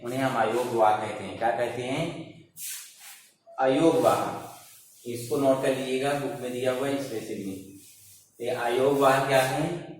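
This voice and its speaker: A man's voice: mid-range voice, distant mic. A man teaching an online grammar lesson, asking questions and answering them himself, repeating terms for his pupils. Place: classroom. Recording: very echoey room, voice away from mic, faint noise.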